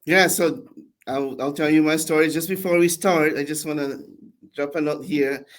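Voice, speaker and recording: A man in his forties from Brazil, a podcast guest telling his story in a relaxed, chatty way with frequent restarts and laughs. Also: a little high, normal speed. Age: 40s. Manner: warm, laughing, many restarts and repeated words. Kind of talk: casual storytelling interview.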